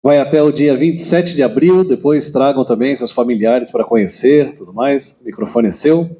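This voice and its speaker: Mellow dark timbre, Brazilian man, event host, informal announcements, faint background noise. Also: mid-range voice, moderate pace, poor audio.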